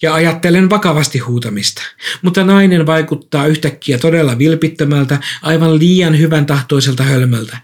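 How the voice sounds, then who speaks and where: A man with a slightly high voice reads a first-person story aloud. His telling stays calm and measured from line to line. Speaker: narrator.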